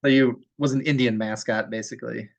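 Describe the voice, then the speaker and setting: A man's voice: mid-range voice, steady tone, brisk, creaky, dull audio. A man interviewing his mother casually, attentive, and summing up her answers back to her.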